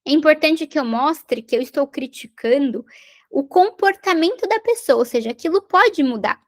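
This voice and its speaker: Brief: woman, parenting educator, high voice, explanatory lecture tone. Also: lively intonation, moderate pace. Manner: explanatory, repeats and rephrases points, tag questions. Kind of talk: recorded lecture on parenting skills.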